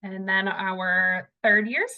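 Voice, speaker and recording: A woman's voice: mid-range voice, slow pace, clear, resonant tone, dull audio. Casual woman moderating a panel. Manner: casual, conversational, relaxed phrasing.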